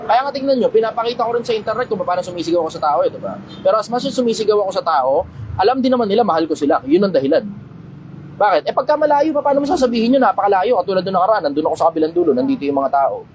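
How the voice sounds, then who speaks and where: A man hosting a casual livestream Q&A, talking bluntly, swearing casually and getting loud when he makes a point. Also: sits high, lively intonation, very fast, a little hiss or hum, rough recording. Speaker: livestream host answering questions.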